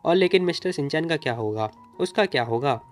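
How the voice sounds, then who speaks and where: A man's voice: on the high side, expressive, brisk, soft background music, natural voice. A man voicing a scheming wealthy businesswoman mother who scolds and gives orders in a storybook recap. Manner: bossy, scolding.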